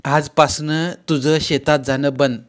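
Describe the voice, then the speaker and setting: Give me a man playing a sharp, doting old village mother-in-law with a rural Marathi accent, high and loud. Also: flat delivery, a little slow, close to an everyday voice. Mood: fussing.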